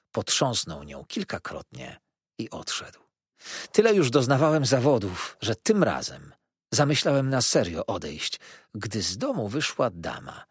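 A man's voice: on the low side, husky, no room sound, studio quality. A man reading a novel aloud as an audiobook narrator, telling the story expressively. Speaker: audiobook reader. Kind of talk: scripted narration.

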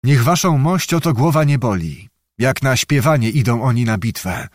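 A man's voice: medium pitch, expressive, moderate pace, no echo, clean studio sound, natural voice. A man voicing a tireless prince and army commander who speaks firmly. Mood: commanding.

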